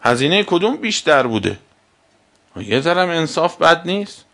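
A man giving a religious lecture as a cleric, arguing with rhetorical questions and swinging between loud emphasis and quiet asides. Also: a little high, very animated. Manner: argumentative, asks rhetorical questions.

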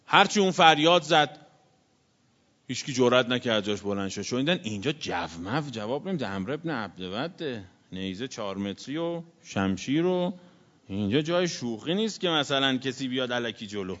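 A male cleric giving a sermon, telling religious stories and swinging between loud exclamations and hushed asides. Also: mid-range voice, lively intonation, muffled recording. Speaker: cleric preacher.

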